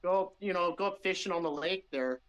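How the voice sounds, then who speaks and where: A man's voice: high-pitched, brisk, a crowd in the background, rough recording. A man with a Midwestern American accent, a band member chatting casually in an interview, rambling with restarts and easy laughs.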